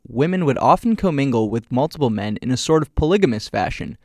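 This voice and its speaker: A male podcast host reads from a prepared script at a steady, even clip. His voice sits at a middling pitch. It is recorded dry and close, with no room sound at all. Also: no echo. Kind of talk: scripted narration.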